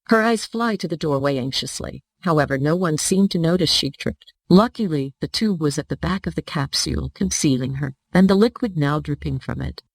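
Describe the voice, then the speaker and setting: A text-to-speech narrator reads a storybook in an even, steady manner. The voice has a gravelly, creaky grain. The sound is dry and close, with no room around it. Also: mid-range voice, moderate pace, few pauses, no room sound, poor audio. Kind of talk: synthetic audiobook narration.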